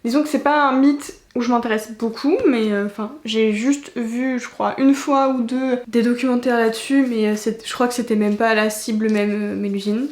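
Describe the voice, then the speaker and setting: Woman, 20s, high voice, chatty unboxing vlogger, roomy echo. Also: fairly even intonation, normal speed, hardly any pauses, darkish tone. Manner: chatty and enthusiastic, many exclamations. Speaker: booktuber. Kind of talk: casual unboxing chat.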